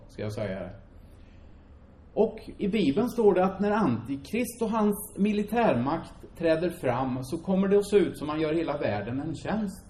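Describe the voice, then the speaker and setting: A male preacher delivers a sermon in a church hall. His voice sits fairly high, and he drives his points home with repetition and rhetorical questions, speaking with lively, emphatic energy. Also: a little hiss or hum. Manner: emphatic, animated preaching with repeated phrases; addresses the congregation with rhetorical questions. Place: church hall before a congregation.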